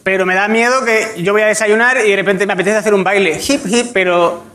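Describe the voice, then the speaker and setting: Comedian guest, man, high voice, faint noise behind. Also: fast talker. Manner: animated, stammering, self-mocking. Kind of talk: comic storytelling on a talk show.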